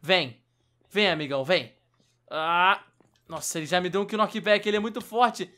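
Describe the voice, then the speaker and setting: A young man with a Brazilian Portuguese accent, hosting a Minecraft let's-play and shouting frantically through the fights. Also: high voice, moderate pace. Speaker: gaming YouTuber host.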